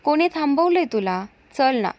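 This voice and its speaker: A woman's voice: high-pitched, a little slow, a little mellow. Woman playing a cheeky bold young woman. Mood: playful.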